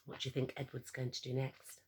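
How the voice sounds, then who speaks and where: A woman reads a picture book aloud to children in a theatrical, expressive way, adding encouraging asides and questions for the young listeners. Her voice is rumbling low, fairly quick and has a breathy edge.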